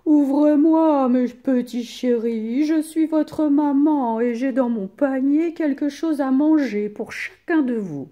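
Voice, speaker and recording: A crafty male wolf from a children's storybook, voiced by a woman reader, faking sweetness. He coos in a raised, drawn-out voice, slow and wheedling. The tone stays mellow and soft-edged. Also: sits high, highs cut off, voice pushed up. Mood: coaxing. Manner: drawn-out, coaxing, sugary.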